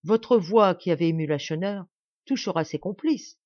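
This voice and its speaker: A woman voicing an elderly, anguished baron who pleads with his son in loud, commanding outbursts. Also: on the low side, expressive, normal speed, no room sound. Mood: anguished urgent. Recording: dull dry recording.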